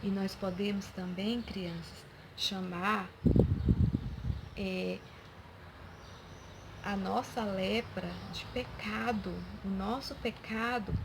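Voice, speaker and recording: A woman telling a Bible story to children, slowly and expressively, acting out each character's lines. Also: medium pitch, fairly even intonation, vocal fry. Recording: loud background noise.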